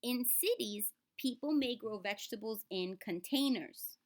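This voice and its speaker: A woman with a fairly high, animated voice reads a children's book a little slowly, addressing the children directly. Her style is instructive, with simple explanations along the way and words sounded out.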